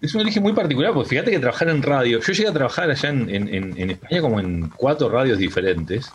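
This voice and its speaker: A middle-aged man speaking with a Uruguayan accent is a guest on a casual radio show, connected by remote call through a home mic. His medium-pitched voice is animated and quick, and his talk wanders with plenty of restarts. There is slight background noise.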